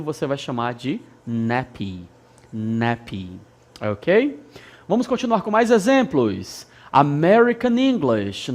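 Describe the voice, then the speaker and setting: An English teacher from Brazil with an Amazonas accent, giving a recorded lesson, repeating key words and checking in with "ok?" along the way. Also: mid-range voice. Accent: Brazilian Portuguese, Amazonas. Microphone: studio lesson recording.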